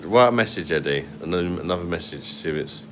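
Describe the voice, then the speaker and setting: A livestream host with a London accent and a very deep voice chats loosely at night from a hotel room, phone held out at arm's length, a faint air-conditioning hum behind him. He reads comments bluntly, swearing freely and laughing a lot. His intonation is lively and his pace quick.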